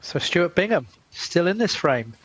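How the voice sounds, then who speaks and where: Guy doing live snooker commentary, fairly high voice, short measured bits with gaps between. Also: big pitch swings, fairly bright tone, dull audio.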